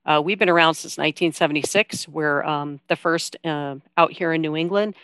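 A woman's voice: low voice, fairly quick, a bit bright, smooth, no room sound, clean studio sound. A woman giving informal, explanatory answers as a guest in a conversational interview. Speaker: interview guest, veteran coordinator at a nonprofit.

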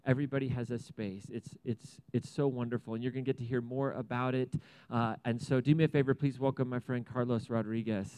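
A man's voice: mid-range voice, fairly even intonation, fairly quick, dark tone, slight background noise, low-quality recording. A man who pastors the church, opening the service in a casual, upbeat way that rambles with restarts before he introduces a guest speaker. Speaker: pastor and host. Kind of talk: sermon introduction.

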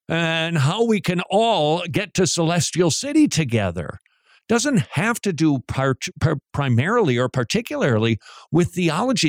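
A man hosting a talk radio show, joking and animated, who often restarts his sentences. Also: on the high side, no room sound, studio quality.

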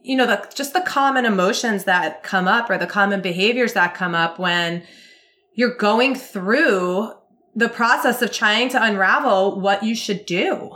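A woman's voice: mid-range voice, unhurried, sharp tone. A woman hosting an interview podcast, affirming her guest with frequent short agreements. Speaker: podcast host. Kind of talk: casual interview chat.

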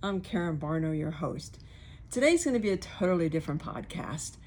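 A woman's voice: deep voice, expressive, a little fast, a little mellow, a little hiss or hum. A woman podcast host with a speech impediment on her R's and S's, talking candidly and informally in a rambling personal monologue, acting out remarks she quotes.

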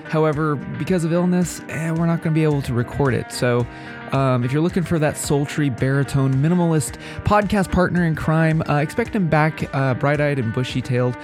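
A male podcast host with a somewhat high, nasal voice, congested from a head cold. He talks casually and playfully straight to listeners, with guitar music playing underneath. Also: fairly quick.

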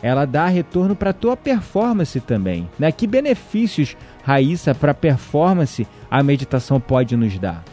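A man with a somewhat high voice tells a story in a casual conversation. He gets animated and acts out what others said. Faint music plays underneath. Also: a little slow, hardly any pauses.

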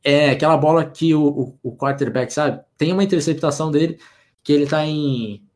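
A man co-hosting a sports podcast, talking in a relaxed, rambling way with many restarts. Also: on the high side, a little fast. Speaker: podcast co-host. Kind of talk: casual sports podcast analysis.

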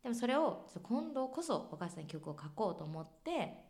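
Lively woman telling a story. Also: fairly high pitch, a little fast. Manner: animated, expressive storyteller. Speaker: singer, interview guest. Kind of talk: casual storytelling interview.

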